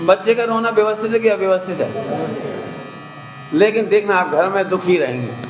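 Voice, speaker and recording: A man giving a conversational sermon to a gathering, acting out scolding parents and quoted people in a sharp rising voice. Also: high voice, normal speed, music in the background. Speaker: Jain preacher. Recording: echoey hall, faint hum.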